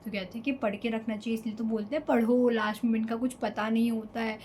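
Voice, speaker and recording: Young woman, storytime vlogger, from Delhi, emotional, English fillers, higher pitch, faint background noise. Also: steady tone, fast talker, darkish tone, poor audio. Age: young adult. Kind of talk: casual storytime vlog.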